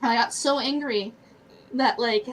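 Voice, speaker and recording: A woman co-hosting a live stream in casual chat, telling stories in an animated, profane rant and laughing often. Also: a little high, measured pace, a little hiss or hum, low-quality recording.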